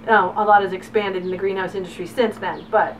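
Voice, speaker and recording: A woman's voice: medium pitch, fairly even intonation, a little fast. Chatty middle-aged woman, recorded from a distance. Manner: enthusiastic, chatty, many fillers. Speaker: farm owner. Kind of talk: casual interview storytelling. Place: outdoors on a farm. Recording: distant mic with background noise.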